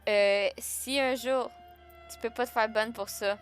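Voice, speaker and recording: A woman's voice: a little high, steady tone, measured pace, soft background music. A young woman with a Québécois French accent chatting casually on a live stream, joking and answering her chat.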